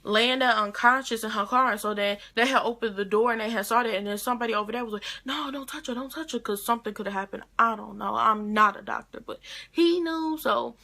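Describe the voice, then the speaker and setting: Teen girl from rambling thru a story to her cam, bright clear voice, lots of likes and restarts. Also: fairly high pitch, fast talker. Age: teens. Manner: rambling, chatty retelling with many likes and restarts. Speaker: vlogger. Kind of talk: casual storytelling to camera.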